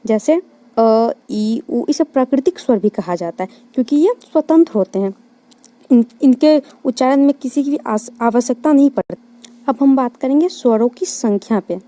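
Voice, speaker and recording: Female tutor, slightly high, mellow voice; exam-prep lecture, poses questions and answers them herself. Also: animated, normal speed. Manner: explains step by step, answering her own questions. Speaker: Hindi grammar teacher.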